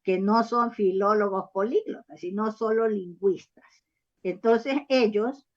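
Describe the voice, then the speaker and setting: Her voice mid-range and her intonation fairly even, a woman writer talks at a normal pace through long, wandering interview answers. She hesitates and restarts often, frequently checks in with "¿sabes?" and "¿ah?", and the audio is dull and lo-fi.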